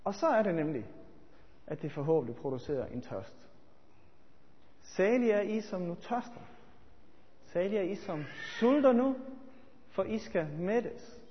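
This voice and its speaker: A man preaching a sermon, swinging between loud urgent appeals and quiet reflective asides. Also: high-pitched, expressive, pauses often. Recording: dull sound with long church reverb.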